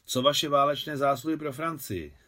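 A spirited woman in a storybook reading, as a man puts her on, lively and emphatic. She speaks somewhat higher than the narrator's own voice, with brisk, animated phrasing. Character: spirited middle-aged woman driver.

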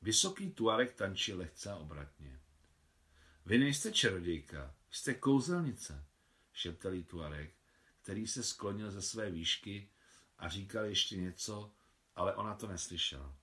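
A man reading his own translation of a novel aloud, in calm storytelling. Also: sits low. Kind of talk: literary reading.

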